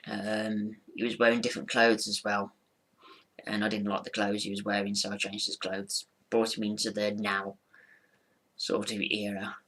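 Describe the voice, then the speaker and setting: A man's voice: lowish voice, fairly bright tone. A man giving an informal hands-on explanation in a rambling, matter-of-fact way, often repeating himself. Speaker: ventriloquist presenting his figure.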